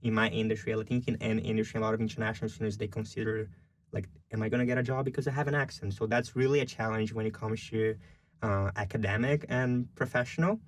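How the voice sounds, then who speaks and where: Talking fast with fairly even intonation, a Brazilian journalism student in his young adult years answers an interview in a relaxed, talkative way, leaning heavily on fillers like "like" and "you know." His voice sits on the low side, carries a Brazilian Portuguese accent, and has no echo.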